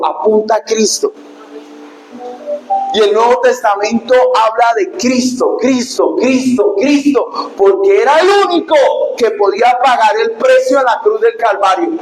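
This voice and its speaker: A male pastor preaching a sermon, emphatic and dramatic, breaking into shouts. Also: very high voice, echoey room, poor audio. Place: church.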